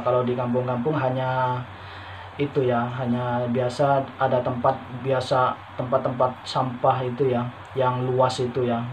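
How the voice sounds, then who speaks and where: A man from Madura with a Madurese Indonesian accent that carries Malaysian Malay words, talking casually to his vlog viewers and rambling through restarts and fillers. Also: medium pitch. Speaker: vlogger. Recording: dull lo-fi sound with faint noise.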